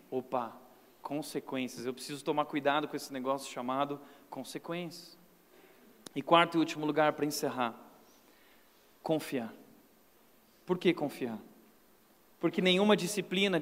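A man with a Brazilian accent preaching a sermon, telling stories and acting out quotes in an animated way. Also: fairly high pitch. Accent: Brazilian Portuguese. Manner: animated storytelling with acted-out quotes. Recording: long hall reverb.

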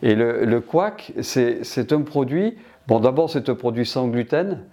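A man's voice: mid-range voice, expressive, measured pace, warm tone. An older man from Martinique answering interview questions about his business, hesitant with many restarts.

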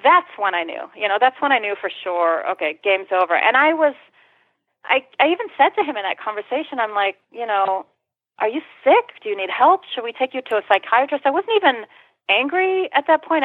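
A woman's voice: fairly high pitch, breathy edge, no room sound. A woman guest telling a personal story in conversation, retelling it vividly and swearing freely. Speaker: interview guest. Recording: tinny phone-line sound.

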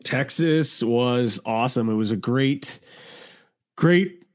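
A man's voice: medium pitch, moderate pace. A man chatting casually as a podcast co-host. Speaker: podcast co-host and sports broadcaster. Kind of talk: casual chat.

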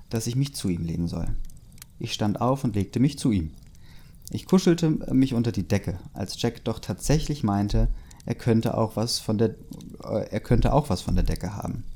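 A young man with a lowish, dark voice reads a fan story aloud casually. He reads loosely, breaking in with his own asides and chuckles.

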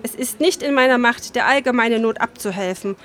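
A woman reading the part of a gentle, kind young woman from a wealthy family, speaking mildly and a little timidly. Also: fairly high pitch, brisk, natural voice.

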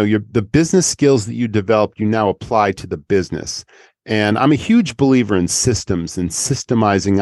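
A man's voice: fairly low pitch, a little mellow, no room sound, studio quality. A male podcast host interviewing guests, enthusiastic and talking in long run-on thoughts.

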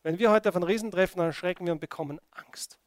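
A man preaching a sermon, retelling a story in an animated way and checking in with his listeners. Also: high-pitched, rapid-fire, no room sound. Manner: animated storytelling, addressing the congregation with frequent "okay?".

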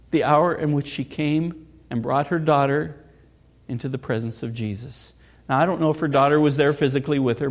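A man's voice: fairly high pitch, a little mellow. A middle-aged man preaching a sermon as pastor, earnest and asking rhetorical questions.

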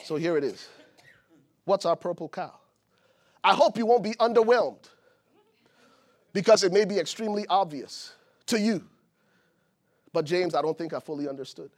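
A preacher from Liberia delivers a sermon with a high voice. He builds his points with rising emphasis and at times shouts them out to the congregation. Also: expressive, normal speed, pauses often. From Liberia, West Africa. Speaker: pastor.

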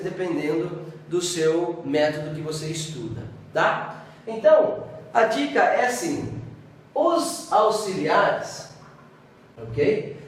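Brazilian man teaching in an echoey room. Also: high-pitched. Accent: Brazilian Portuguese. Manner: keeps checking in with "ok?" and "tá?". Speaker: English teacher. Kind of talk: classroom-style grammar lesson. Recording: echoey room, distant mic, faint noise.

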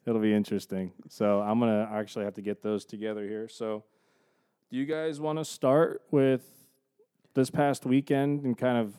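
A man's voice: medium pitch, flat delivery, moderate pace, warm tone, clear, resonant tone. A man hosting a podcast, chatting casually as he lays out the episode. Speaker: podcast host.

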